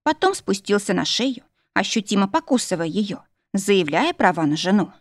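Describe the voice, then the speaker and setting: A woman narrating a first-person romance audiobook in an expressive, intimate way. Her voice sits in a middle pitch range. It sounds close and dry, with no room echo around it. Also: normal speed.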